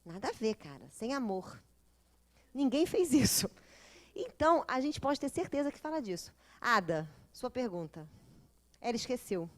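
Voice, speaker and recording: Woman, Brazilian accent, high voice, lively storytelling lecturer, informal class. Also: normal speed. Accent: Brazilian Portuguese. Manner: animated and humorous, acts out quoted voices. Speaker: lecturer of a spiritist psychology course.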